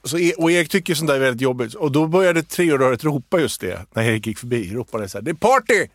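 A man in his thirties co-hosting a podcast, chatting casually and telling stories in an animated way. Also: mid-range voice, no echo, studio quality. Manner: lively, animated storyteller. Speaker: podcast co-host. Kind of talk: casual chat and storytelling.

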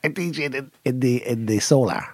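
A husky-voiced Irish man chats and tells comic anecdotes in an easy conversational style. His pitch is average for a man, and the recording is dry and close. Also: fairly quick, darkish tone, dry recording. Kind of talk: casual chat and comic storytelling.

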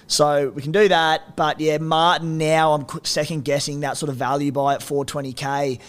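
A man's voice: fairly high pitch, little pitch movement, normal speed. An Australian man co-hosting a sports podcast, chatting casually in a broad, slangy, blokey way. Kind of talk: casual fantasy rugby league chat.

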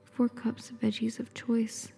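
Woman asmr whispering right up in your ear, slow and unhurried, flat tone, breathy. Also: a little high. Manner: intimate close-up whisper, as if right in the listener's ear. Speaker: ASMR host. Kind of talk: whispered ASMR, describing and reading product packaging.

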